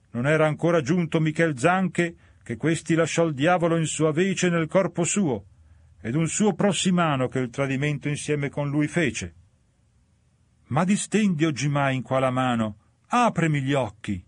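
A man's voice: fairly high pitch, measured pace, dry recording, voice pushed up, lightly acted. A man reciting verse as a tormented male soul trapped in ice, with a raised, pleading, urgent voice.

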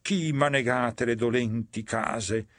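A man's voice: medium pitch, slow, fairly bright tone, no echo, clean studio sound. A man voicing a wise, stern old guide spirit, solemnly declaiming verse. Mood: resolute.

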